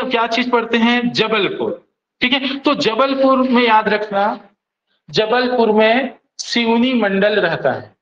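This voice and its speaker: Guy teaching exam class, keeps asking "got it?", boomy lo-fi room sound. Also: a bit bright, a little hiss or hum. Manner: repeats questions to students, keeps asking "theek hai?". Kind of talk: classroom lecture with memory tricks. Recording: echoey room, dull lo-fi sound.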